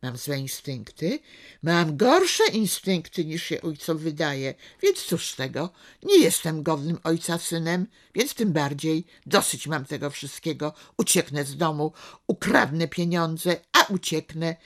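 Woman doing a hoarse rebellious teenage boy. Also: deep voice, animated, measured pace. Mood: bitter. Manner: bitter, hoarse, muttered outburst.

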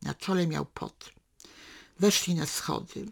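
A woman's voice: lowish voice, slow, gravelly. A woman reading a novel passage aloud with dramatic swings into the characters' thoughts, then talking it over.

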